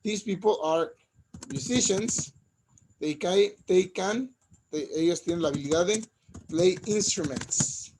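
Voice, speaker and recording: A man teaching an English lesson, saying each phrase in English and then in Spanish, and slowing down to model pronunciation. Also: high-pitched, darkish tone, slight background noise. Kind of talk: bilingual classroom lesson.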